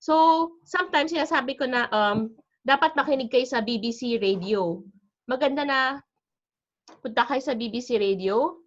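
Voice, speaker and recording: A woman's voice: a little high, moderate pace. Filipino woman teaching an online class. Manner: chatty, mixes Tagalog and English, asks "di ba?". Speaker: IELTS teacher. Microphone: video call. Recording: lo-fi video call audio.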